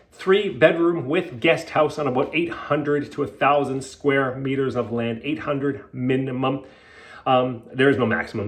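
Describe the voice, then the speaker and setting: A Canadian health coach hosts his own solo podcast, speaking candidly and emphatically with fillers and an occasional swear. His mid-range voice is a little sniffly from a cold.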